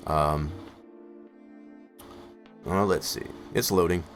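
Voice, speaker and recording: Male streamer, deep voice, hoarse, rambling filler-heavy chat, soft music underneath. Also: steady tone, slow. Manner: rambling, full of "uh" and "I guess, as far as" fillers. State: hoarse, losing his voice. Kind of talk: casual live-stream chat. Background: faint music playing in the background.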